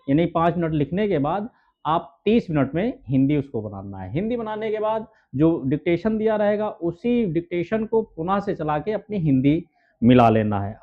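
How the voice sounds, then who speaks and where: A man's voice: on the high side, narrow, tinny audio. A man teaching shorthand step by step. He asks his own questions, answers them, and checks in with "है ना" and "ठीक है". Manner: keeps adding "है ना" and "ठीक है" as checks. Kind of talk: steno dictation lesson.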